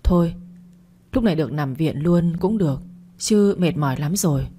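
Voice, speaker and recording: A scheming, self-pitying middle-aged mother, as a woman narrator voices her, complaining and pleading in an audiobook story. The voice stays lowish and mellow, close to the reader's own. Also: expressive, normal speed.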